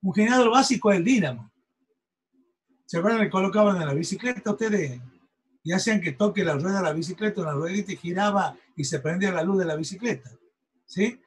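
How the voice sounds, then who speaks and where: Teaching an engineering class, this Argentine university lecturer has a voice that sits high for a man, with a husky edge, on a rough recording. He works through the material step by step, often pausing to make sure his students are keeping up.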